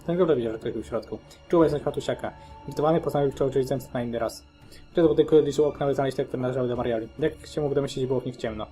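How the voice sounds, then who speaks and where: A male storyteller reading a dark tale at a quick clip, his voice mellow and low in tone. A faint guitar plays behind him. He keeps an even reading manner. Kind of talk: scripted narration of a horror story.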